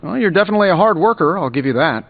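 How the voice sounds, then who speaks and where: A man's voice: sits high, lively intonation, rapid-fire. A man voicing a self-assured billionaire superhero inventor in a video game, breezy, sarcastic and boastful. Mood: wry, boastful. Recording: slightly dull audio under loud music.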